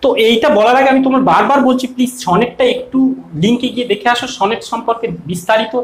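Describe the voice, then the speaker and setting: A man's voice: very high voice, fast, slight background noise. A man with a Bengali accent teaching a poetry lesson to students, sing-song and drawn out when he recites. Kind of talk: explaining a poem to students. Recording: echoey room.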